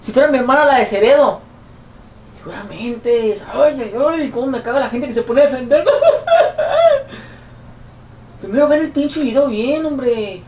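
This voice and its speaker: A man's voice: normal speed, a little mellow. A man with a Mexican accent, a YouTuber answering fan questions in a profane, mocking comic rant. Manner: profane, mocking, shrill put-on voices when quoting. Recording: roomy echo, distant mic, faint noise.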